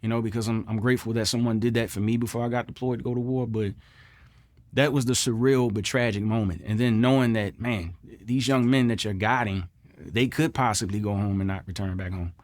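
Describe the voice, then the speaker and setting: A man's voice: lowish voice, fairly even intonation, brisk. A middle-aged man, a combat veteran, giving a personal interview recollection in a reflective, earnest way, repeating phrases for emphasis.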